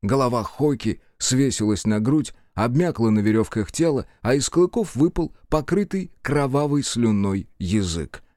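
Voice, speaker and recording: An animated male narrator reading dark fantasy fiction, his pitch rising and falling with the drama. The sound is dry and close, recorded into a studio mic with no room around it. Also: normal speed, hardly any pauses, dry recording. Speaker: audiobook narrator.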